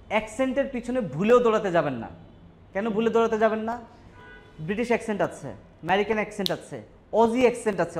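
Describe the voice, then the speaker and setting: A male teacher from Bangladesh lectures a class and keeps pausing to ask if everyone has understood. His voice sits fairly high. Faint background noise runs under the recording. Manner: rhetorical check-ins with students. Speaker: English teacher.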